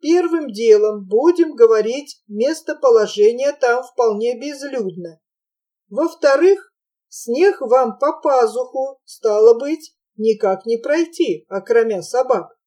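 A woman's voice: a little high, animated, slow pace, mellow. Woman doing a folksy, wordy fish merchant. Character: folksy talkative fish merchant, man, sly and consoling.

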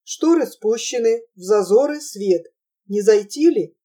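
A woman reading a novel aloud as an audiobook narrator, in an even, measured storytelling manner. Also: a little high. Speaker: audiobook reader.

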